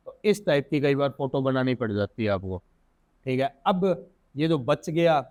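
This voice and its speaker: A man with an Indian accent teaching software in a casual screen-recorded tutorial, thinking aloud and correcting himself as he goes. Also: medium pitch, lively intonation, normal speed, no echo. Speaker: software instructor.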